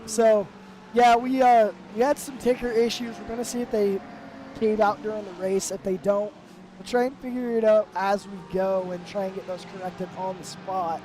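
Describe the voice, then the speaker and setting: A man's voice: sits high, little pitch movement, normal speed, warm tone, a little hiss or hum. A man commentating a live sim race, upbeat and rambling with fillers, his voice worn from the flu. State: sick with flu.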